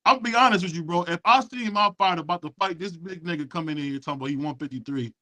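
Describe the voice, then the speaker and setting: A man's voice: high voice, fast, sharp tone. A man joking around on a boxing podcast, slangy and playful, calling the others bro. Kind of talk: casual boxing talk.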